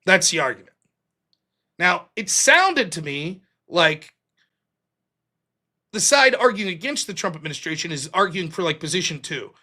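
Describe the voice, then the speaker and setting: A man with a high, bright voice hosts a solo political commentary livestream, laying out a legal reading point by point. He sounds animated and forceful, speaks at a moderate pace with frequent pauses, and argues emphatically.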